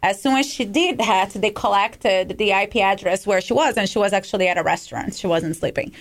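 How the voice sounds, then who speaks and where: A woman's voice: mid-range voice, brisk. Chatty woman with a slight accent. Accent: non-native English accent. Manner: casual, many fillers like "you know, like". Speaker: guest, cybersecurity company president. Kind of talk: radio interview.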